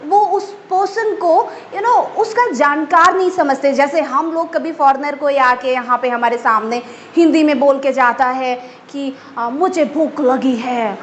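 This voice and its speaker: High-voiced woman teaching English. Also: fairly bright tone. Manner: slow, drawn-out demonstration of English words. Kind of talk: spoken English lesson. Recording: echoey room with faint background noise.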